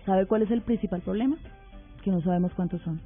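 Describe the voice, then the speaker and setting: A woman hosts a radio talk show, unhurried and deliberate as she presses her questions. Her voice comes through a narrow, phone-like band, with faint music playing underneath. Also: mid-range voice. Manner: measured, deliberate, probing questions. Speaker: radio host.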